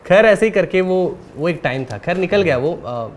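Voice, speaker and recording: Soft-spoken man telling his story. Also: high-pitched, normal speed, slight background noise. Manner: relaxed storytelling, often ending with a tag question. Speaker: guest singer-songwriter. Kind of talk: casual interview chat.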